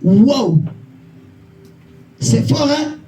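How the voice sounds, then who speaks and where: A man's voice: very high-pitched, very animated, very slow, dark tone. A man preaching a sermon as an evangelist, repeating his points and checking with the congregation through questions. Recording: echoey church hall, faint music.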